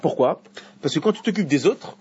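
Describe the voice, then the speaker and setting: A man teaching an evening Torah class to a small group, animated, with bursts of emphatic preaching. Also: moderate pace, husky. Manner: animated, rises to emphatic high preaching at key points, interacts with listeners. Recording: dull lo-fi recording with faint background noise.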